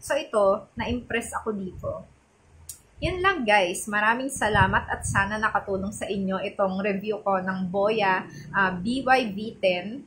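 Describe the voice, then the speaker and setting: A woman's voice: mid-range voice, measured pace, fairly bright tone, slight background noise, rough recording. A woman vlogger chatting politely through a casual product review, mixing in English words and explaining each step of a microphone setup. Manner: polite and chatty, sprinkling Taglish and respectful particles; repeats test phrases while comparing mic on and off.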